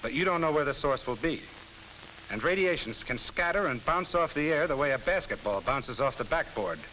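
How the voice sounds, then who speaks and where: A man's voice: on the high side, animated, normal speed, pushed and bright, a little hiss or hum, poor audio. A man playing a blunt military instructor in a 1950 civil defense training film, with an American accent and slangy, scripted delivery. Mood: brisk instruction. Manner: blunt, slangy, hard-boiled. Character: blunt, wisecracking military instructor drilling servicemen. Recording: vintage 1950 film soundtrack with music.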